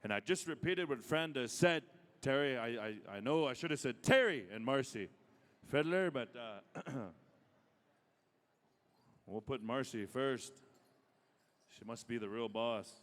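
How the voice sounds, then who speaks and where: A man emceeing a powwow over a reverberant arena sound system. His voice is clean and resonant at a medium pitch. He calls names in a stretched, emphatic way and fills in with informal, halting remarks. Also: fairly bright tone. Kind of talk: live ceremonial announcing, calling names to come forward. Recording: reverberant large hall PA sound.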